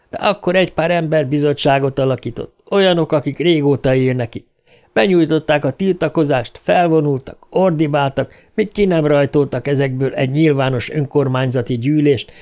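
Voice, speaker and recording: A man's voice: on the high side, darkish tone, lightly acted. A man voicing a chatty, coarse middle-aged taxi driver in an audiobook, folksy and fond of repeating a pet phrase.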